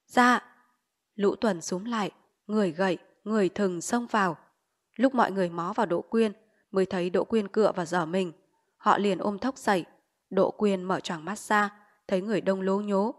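A woman's voice: mid-range voice, moderate pace. Woman reading a novel aloud. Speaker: audiobook narrator.

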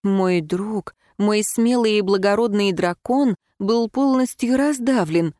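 A woman reading first-person fiction aloud in an expressive, emotional way. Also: mid-range voice, slow pace, dry recording, clean studio sound. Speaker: audiobook narrator.

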